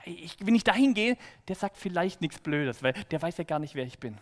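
A woman's voice: on the low side, expressive, brisk. A man voicing an ashamed, lonely woman who talks to herself hesitantly and anxiously. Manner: hesitant, anxious self-talk. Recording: echoey hall reverb.

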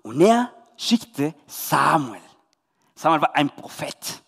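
A man from Chile with a Spanish accent, a youth pastor telling a Bible story to children and parents in lively, emphatic German. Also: on the high side, slow pace, gravelly, breathy edge, big-room sound.

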